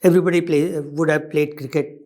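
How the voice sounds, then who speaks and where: Halting Indian male interviewer, slightly high-pitched. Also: flat delivery, mellow. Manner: halting, repeats and reformulates questions. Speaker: interview panelist. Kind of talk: formal interview questioning.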